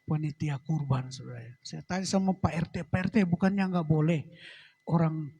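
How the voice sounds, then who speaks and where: A middle-aged man, a pastor, giving a personal testimony in church and ending phrases with a soft, trailing address to the congregation. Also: fairly high pitch, moderate pace, gravelly, husky. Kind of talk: sermon testimony.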